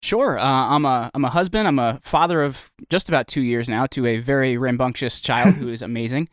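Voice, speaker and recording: A man's voice: mid-range voice, brisk, dry recording, studio quality. A man with a New Jersey accent, a guest chatting casually on a video call interview, laughing easily. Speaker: podcast guest.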